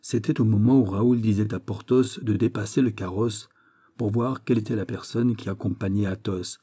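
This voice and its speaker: A man reading a classic novel aloud as a narrator, in a steady literary manner. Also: lowish voice, normal speed, slightly rough. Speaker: audiobook narrator. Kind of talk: scripted narration.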